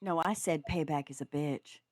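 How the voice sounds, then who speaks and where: A woman podcast host reading a story aloud and bantering, animated, her voice shooting high when flustered. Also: normal speed, dry recording, clean studio sound.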